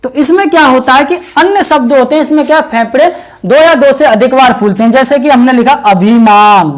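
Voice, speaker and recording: A woman teaching a grammar lesson for exam preparation, explaining step by step with many repeated fillers and calling her viewers friends. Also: a little high.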